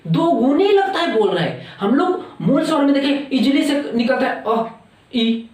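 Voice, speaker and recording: A man's voice: very high voice, lively intonation, normal speed, a little mellow, far from the mic. A man teaching a competitive-exam grammar lesson, repeating words and telling viewers again and again to note it down. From India. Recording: echoey room, voice off-mic.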